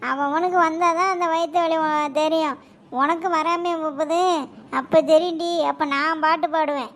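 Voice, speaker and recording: A woman's voice: very high voice, fairly even intonation, normal speed, fairly bright tone. A woman voicing a sulky schoolboy with an upset stomach in a cartoon, grumbling in a Kanyakumari Tamil accent. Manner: grumbling, whiny. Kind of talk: cartoon voice acting.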